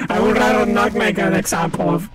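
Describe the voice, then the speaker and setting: A high-pitched male voice with a Venezuelan accent from Maracaibo, a native Spanish speaker, banters with a friend during a shooter game stream, frequently laughing and calling out enemies. The casual co-op chat sits over loud game music, and there's a little hiss or hum.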